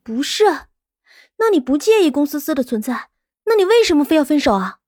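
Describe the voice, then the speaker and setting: A man voicing a pouty, coquettish young woman in a high falsetto, questioning and pleading with her lover. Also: big pitch swings, brisk, no room sound, clean studio sound. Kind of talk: audiobook character voice.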